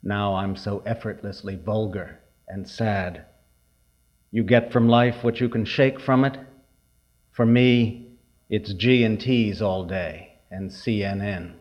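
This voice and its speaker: A poet giving a reading, heard through an old archival recording, unhurried and pausing with hesitant asides. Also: male voice, on the low side, steady tone. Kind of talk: poetry reading with remarks. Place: reading hall with an audience. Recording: dull lo-fi archival tape.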